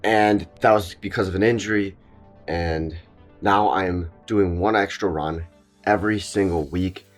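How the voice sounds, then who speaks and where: A young man talking casually to the camera as a fitness vlogger, in a relaxed and plain-spoken way, thinking aloud with small restarts. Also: sits low, measured pace, faint music behind. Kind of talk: casual vlog talk to camera.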